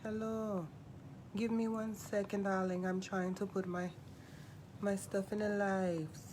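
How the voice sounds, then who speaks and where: A woman playing a sassy, glamorous TV psychic who hosts a live call-in stream in a campy, drawn-out manner. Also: mid-range voice, level tone, a little mellow, natural voice. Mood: flustered greeting. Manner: campy, drawn-out, calls everyone darling. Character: sassy glamorous female TV psychic hotline host. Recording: noisy live stream audio.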